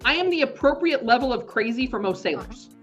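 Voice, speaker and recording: A woman co-hosting a podcast in casual group chat, lively and joking with quick asides. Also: fairly high pitch, faint music behind. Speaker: podcast co-host.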